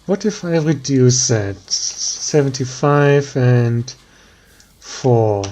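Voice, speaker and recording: A man with a German accent giving tired, slow let's play commentary, thinking aloud with many pauses and ums. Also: mid-range voice, expressive, darkish tone, a little hiss or hum. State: tired, yawning. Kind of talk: relaxed gameplay commentary.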